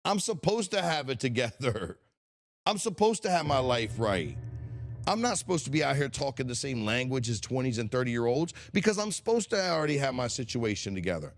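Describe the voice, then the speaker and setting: Fired-up guy in his 40s doing a solo motivational podcast, blunt, cusses, stumbles over repeated words, mid-pitch voice. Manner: impassioned, blunt, swears, repeats words while thinking. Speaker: podcast host.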